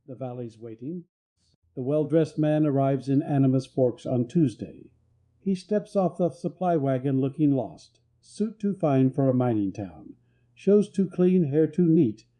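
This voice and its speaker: A man narrating a scripted story in a calm, measured way. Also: mid-range voice.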